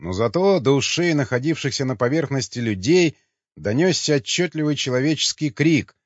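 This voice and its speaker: A man narrating an audiobook in a dramatic, expressive way. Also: medium pitch, moderate pace, dry recording. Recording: dull, slightly lo-fi dry recording.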